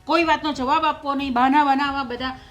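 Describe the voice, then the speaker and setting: An actress playing a stern middle-aged mother who presses her daughter-in-law about her son's missing money, insistent and accusing, with soft music behind. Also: on the high side, a little fast, muffled recording, lightly acted. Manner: accusing, insistent, lists sums and grievances. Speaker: actor in a family drama. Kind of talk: short-film drama acting. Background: soft background music.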